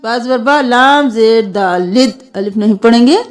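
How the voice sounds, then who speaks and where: A woman teaching Quran recitation, chanting verses melodically and explaining the rules. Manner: slow melodic recitation alternating with quick lower explanations. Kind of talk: tajweed lesson, slow recitation with explanations.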